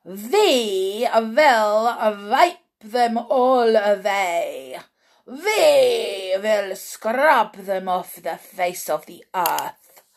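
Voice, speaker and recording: A woman voicing a screaming, tyrannical old female witch leader who rants slowly and loudly. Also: mid-range voice, lively intonation, vocal fry, full character voice. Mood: ranting. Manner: shrieking, ranting, slow and loud.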